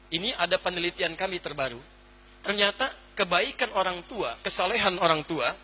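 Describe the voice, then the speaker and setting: Male preacher, high voice, echoey hall, animated sermon. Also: slightly rough. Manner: animated, swings from hushed to exclaiming; addresses the audience directly with questions. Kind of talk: Islamic lecture to a congregation.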